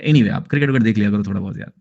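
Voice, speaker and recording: A man's voice: fairly low pitch, creaky, dark tone, lo-fi sound, a little hiss or hum. A man in his thirties with an Indian accent, teaching an online math class in a chatty, joking way and slipping English phrases into his talk. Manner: chatty, jokey, mixes Hindi with English phrases.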